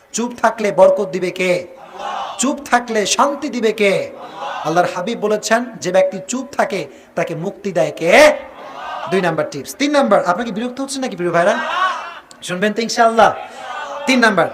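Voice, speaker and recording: A man preaching a lively sermon, calling questions out to the audience for them to answer aloud and mixing English phrases into his talk. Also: high voice. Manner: mixes English phrases into Bengali. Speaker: Islamic preacher.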